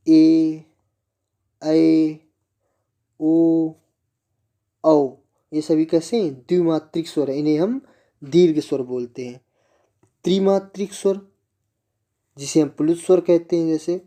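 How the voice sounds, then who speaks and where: A man's voice: on the high side, dark tone. A man teaching a grammar lesson, asking the class questions and answering them himself at a patient pace.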